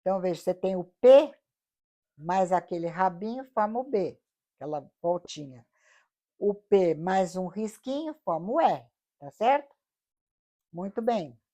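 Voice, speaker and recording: A Brazilian woman of middle age leads a Bible study lesson in a warm, mellow voice. She explains step by step, checks in with her listeners and poses rhetorical questions as she goes. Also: on the low side, expressive, a little slow, pauses often. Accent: Brazilian Portuguese. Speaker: Bible teacher.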